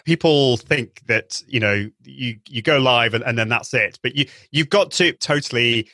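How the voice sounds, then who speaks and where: With a sharp tone and a mid-range voice trained for singing, a live video trainer speaks at a moderate pace in an interview over a call. There's no room sound as he explains eagerly, frequently starting over.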